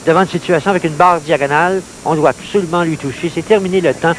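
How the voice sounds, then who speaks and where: Quebec man in golf-commentator play-by-play, slightly high-pitched. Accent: Quebec French. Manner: measured, clipped phrases following each shot. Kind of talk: golf-commentator style play-by-play of a mini-putt match. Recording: noisy late-1980s TV sports recording.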